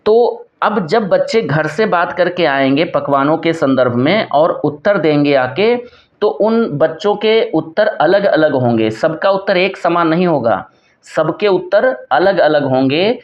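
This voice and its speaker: A man's voice: a little high, animated, measured pace. A male teacher giving an exam prep lecture, explaining step by step, reading out each question and asking and answering himself. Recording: dull lo-fi recording.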